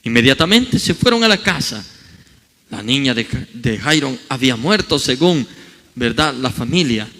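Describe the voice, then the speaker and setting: Animated bright-voiced male pastor preaching. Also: normal speed, in a large hall. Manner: preaching with big swings of pitch, dramatizing scripture quotes. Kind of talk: sermon. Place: church hall.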